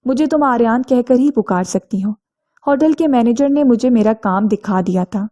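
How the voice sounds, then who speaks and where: A self-assured young wealthy man, voiced by a woman storyteller who lectures calmly and plainly. The tone stays mellow and level, close to the narrator's own reading voice. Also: fairly high pitch, dull audio, lightly acted.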